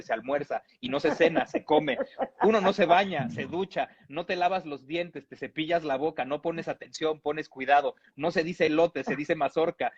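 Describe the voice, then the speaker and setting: A man's voice: on the high side, husky. A man from Mexico reading a humorous text aloud in a playful, amused way, with chuckles now and then. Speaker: reader. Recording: dull lo-fi audio.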